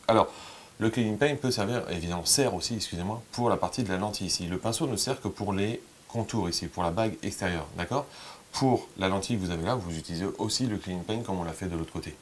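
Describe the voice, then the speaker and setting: A man with a very low voice gives a relaxed, hands-on photography lesson. He explains each step plainly as he demonstrates, with frequent pauses and filler sounds. A faint hiss sits under the voice. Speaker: photography teacher.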